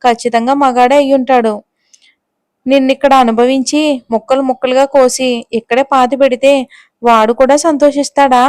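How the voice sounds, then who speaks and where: A woman's voice: high voice, fairly even intonation, normal speed, a little mellow, clear, resonant tone, no echo, clean studio sound, close to an everyday voice. A woman voicing a domineering young male boss in an audio story, speaking in a taunting, threatening way. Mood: menacing.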